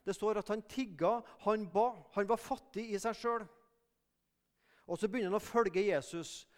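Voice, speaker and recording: A man preaches a sermon in a mission hall. His voice sits high, and his words ring out with a long reverb. He talks in an earnest, conversational way and now and then raises his voice in emphatic calls. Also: a little mellow.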